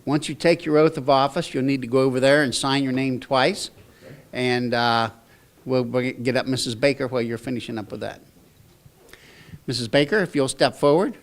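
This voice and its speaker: A man's voice: medium pitch, steady tone, normal speed. American man officiating a rote oath ceremony. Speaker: official administering oaths. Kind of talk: rote court oath and informal ceremony directions.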